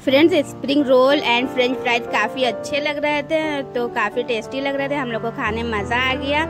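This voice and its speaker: Woman, chatty family vlog narration, fairly high voice, background music. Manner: chatty, keeps addressing viewers as friends. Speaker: vlogger. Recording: voice-over with clear background music.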